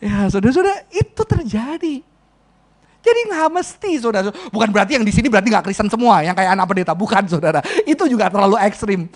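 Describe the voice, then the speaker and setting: Animated preacher man. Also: high-pitched, quick pace. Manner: animated, acts out quoted voices and laughs often. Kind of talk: sermon with storytelling.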